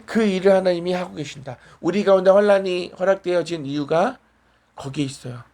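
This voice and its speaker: A man's voice: sits high, a little fast, darkish tone. A man preaching a sermon in a small church, conversational and asking the congregation questions and answering back.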